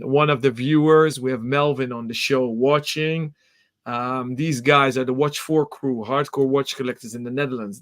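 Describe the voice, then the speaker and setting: A man hosting a live interview show, asking questions in an energetic, enthusiastic way. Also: medium pitch. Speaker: podcast host.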